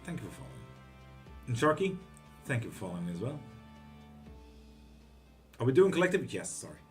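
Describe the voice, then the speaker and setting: Soft music sits under the voice of a Greek man, medium in pitch, who hosts a tarot livestream. Reading viewer comments, he's casual, foul-mouthed and talkative, laughing quickly as he goes.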